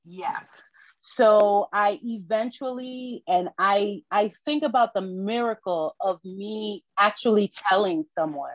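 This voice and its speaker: A woman's voice: mid-range voice, slow pace, no echo. This woman from Haiti tells her own story on a podcast, candid and reflective, often stopping and restarting. Her voice sits in a middle register. The recording is close and dry, with a slightly muffled, lo-fi tone. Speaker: podcast guest. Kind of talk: personal storytelling interview. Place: New York.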